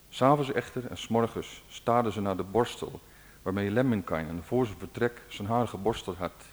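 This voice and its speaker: A man narrating an old folk epic aloud in a measured, dramatic way. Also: lowish voice. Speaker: storyteller. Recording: long hall reverb.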